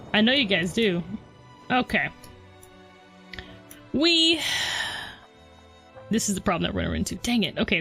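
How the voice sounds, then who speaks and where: A woman talks through her game in a loose, chatty way, often turning to her viewers and poking fun at her own mistakes. Her voice sits at a middling pitch. Soft game music plays faintly underneath. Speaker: let's play host. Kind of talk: casual gameplay commentary.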